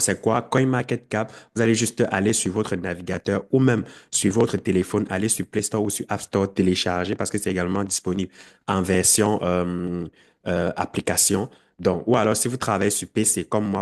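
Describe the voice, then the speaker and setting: Low-voiced man teaching with many fillers. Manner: hesitant, many fillers and self-corrections; talks straight to viewers. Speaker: crypto educator. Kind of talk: screen-share tutorial.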